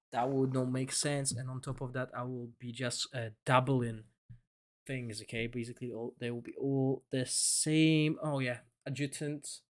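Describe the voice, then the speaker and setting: Chatty man streaming a game. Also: medium pitch. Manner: chatty, rambling with fillers and self-corrections. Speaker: gaming streamer. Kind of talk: casual live-stream commentary.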